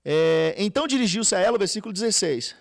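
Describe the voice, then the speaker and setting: A man's voice: high voice, animated, quick pace, vocal fry. A man teaching a casual Bible class, retelling scripture in plain, everyday words with frequent restarts and checks on his listeners.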